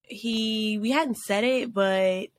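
A woman's voice: on the high side, takes it slowly, dry recording, clean studio sound. Rambling, laughing woman podcast co-host. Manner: rambling storytelling with many likes and restarts, laughing. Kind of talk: casual chat.

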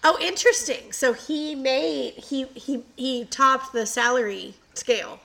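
A woman's voice: sits high, a little slow, vocal fry, fairly bright tone, poor audio. A married woman co-hosting a podcast, chatting playfully with teasing quips. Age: adult, married. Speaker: podcast co-host. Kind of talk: casual chat, joking banter.

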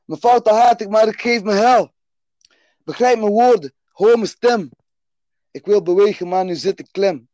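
A man's voice: fairly high pitch, warm tone, no echo. A man rapping his own heartfelt verses with an intense, rising delivery, then chatting casually. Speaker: guest performer.

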